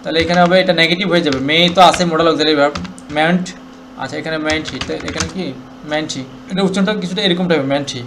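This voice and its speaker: A man with a Bangladeshi accent teaching English grammar, asking questions and answering them himself, with the English examples read slowly. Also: on the high side, steady tone, noisy background. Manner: quick, explanatory, asks and answers his own questions, reads English examples slowly. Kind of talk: explaining grammar to students.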